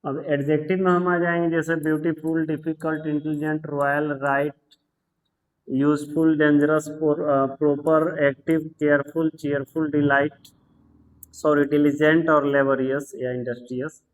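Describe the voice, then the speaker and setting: A man teaching English grammar in a patient lesson, repeating words, spelling them out and telling students to pause and take notes. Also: on the high side, little pitch movement, poor audio. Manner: tells students to pause the video and write notes. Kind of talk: slow explanatory grammar lesson.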